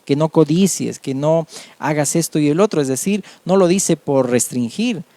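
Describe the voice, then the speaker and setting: A man preaching a sermon as a pastor, earnest and measured, often adding amen. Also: medium pitch, warm tone, no echo.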